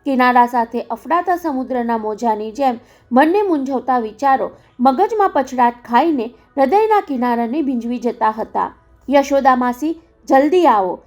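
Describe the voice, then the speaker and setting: A woman narrates a novel for an audiobook with a high voice. Her reading is steady and measured, and it carries the story along evenly. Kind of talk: scripted narration.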